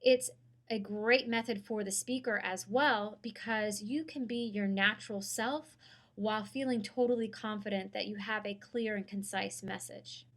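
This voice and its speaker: A woman, a public speaking instructor giving a clear, measured course lecture. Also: mid-range voice, steady tone.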